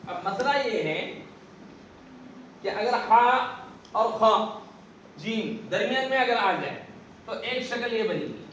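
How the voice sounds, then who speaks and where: A man's voice: very high voice, animated, takes it slowly, long pauses, a bit bright. A man teaching a class on Arabic letters, asking questions and repeating the answers himself. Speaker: religious teacher. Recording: echoey room, distant mic, background noise.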